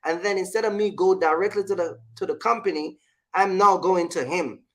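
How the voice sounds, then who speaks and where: Brisk and high-pitched, this man's voice has a fairly bright tone. He talks casually as a vlog host, offering business advice and personal stories emphatically and repetitively, often checking in with whoever is listening.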